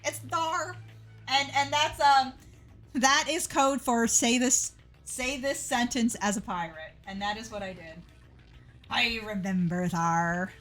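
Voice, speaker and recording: A woman's voice: high-pitched, a little slow, fairly bright tone, soft background music. A young adult woman chatting casually with her live stream audience, laughing easily. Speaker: game streamer. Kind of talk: casual livestream chat.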